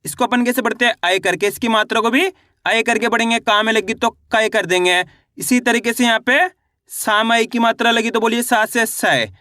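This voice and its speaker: A young man teaching children to read Hindi in an online lesson, patiently asking questions and answering them himself, slowing down to sound out each syllable. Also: extremely high pitch, steady tone, pushed and bright, no echo, studio quality.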